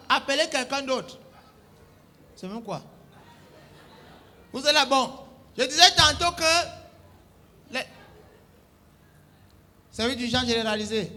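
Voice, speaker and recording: Very high, bright-voiced comic man. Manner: bossy, scolding and animated, with mock-official phrasing. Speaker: comedian. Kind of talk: comic one-sided phone-call sketch.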